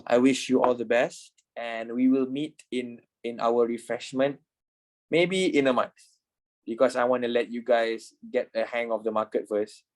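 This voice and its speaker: A man in his twenties teaches a trading class as a casual lecture, speaking at a moderate pace in a medium-pitched, darkish voice with fairly even intonation. He is chatty, repeats himself, and swears casually now and then.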